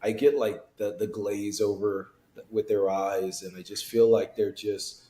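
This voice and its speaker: A man's voice: on the low side, fairly even intonation, a little slow, warm tone. A man in casual chat as podcast co-host, reacting emphatically. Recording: roomy echo.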